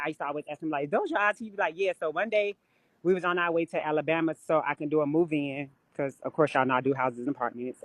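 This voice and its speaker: A woman's voice: low voice, no room sound. A woman on a live stream, telling stories bluntly and with plenty of swearing in casual chat. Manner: blunt, profane storytelling. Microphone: phone or webcam on a live stream.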